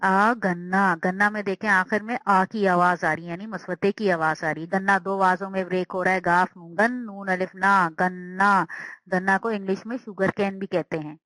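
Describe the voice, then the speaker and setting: A woman's voice: mid-range voice, fairly even intonation, a bit bright, dry recording, poor audio. Patient woman teaching a language lesson. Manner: spells out words slowly and repeats them.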